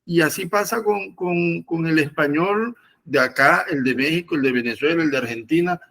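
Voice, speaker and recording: Husky man explaining a point. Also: on the high side, normal speed, fairly bright tone. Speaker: teacher. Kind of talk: casual discussion.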